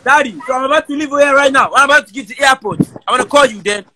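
A man's voice: extremely high pitch, racing, bright, forceful tone, slight background noise, poor audio. A man on a phone video call, insistently repeating himself and defending his story. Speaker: caller. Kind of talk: casual video-call banter.

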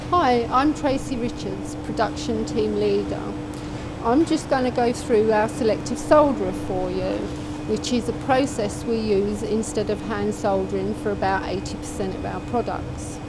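A woman in her fifties, a production team leader, explaining a machine on a factory floor in a friendly, brisk way. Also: mid-range voice. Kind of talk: on-camera explanation. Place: electronics factory floor, indoors. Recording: factory noise behind.

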